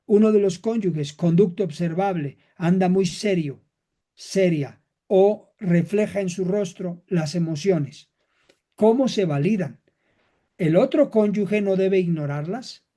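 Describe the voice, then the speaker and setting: A male teacher lecturing counseling students in measured, list-like phrases, asking rhetorical questions and often clearing his throat. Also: high voice, dark tone.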